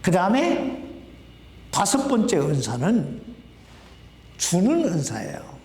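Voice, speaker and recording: A man's voice: sits high, huge pitch swings, takes it slowly, darkish tone. A male pastor preaching a sermon in a conversational way, often putting questions to the congregation. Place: church sanctuary. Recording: echoey hall, voice from a distance.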